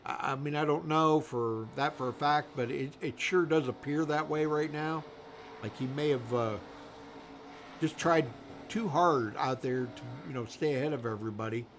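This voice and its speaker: A man's voice: a little high, normal speed, a little hiss or hum. Folksy man calling a race. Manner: rambling, folksy, many fillers. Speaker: race commentator. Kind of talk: live motorsport commentary. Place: commentary booth at a racetrack.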